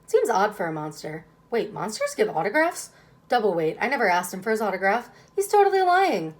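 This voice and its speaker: A woman narrates a children's novel in a medium-pitched voice. She reads the first-person story aloud with expression. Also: sing-song, brisk. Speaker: reader.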